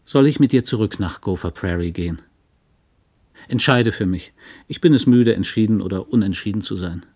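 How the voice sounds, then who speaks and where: A man's voice: lowish voice, moderate pace, a little mellow. A man voicing a restless young wife in an audiobook reading, with a hesitant, lightly raised voice. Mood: weary.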